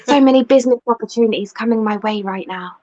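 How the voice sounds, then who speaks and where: A woman hosting her channel's live chat from home, speaking a little haltingly as she wraps up. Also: a little high, dark tone, no echo, dull audio. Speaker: channel host.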